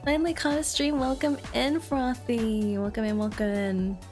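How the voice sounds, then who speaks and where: Cute anime streamer girl chatting to her stream, playful, highish voice, faint music behind her. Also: flat delivery, moderate pace, darkish tone. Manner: playful, giggly. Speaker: VTuber streamer. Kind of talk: casual livestream chat, answering viewers.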